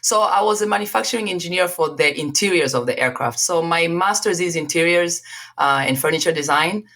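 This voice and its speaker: A woman's voice: lowish voice, brisk, a bit bright. A woman from Tanzania, a podcast guest, talking casually about her background and laughing often. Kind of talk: casual interview chat.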